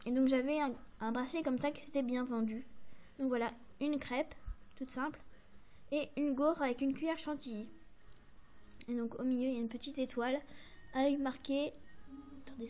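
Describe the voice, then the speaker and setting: High-voiced French woman chatting about crafts. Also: steady tone, brisk, darkish tone. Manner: chatty, hesitant, many fillers and apologies. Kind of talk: casual show-and-tell to camera.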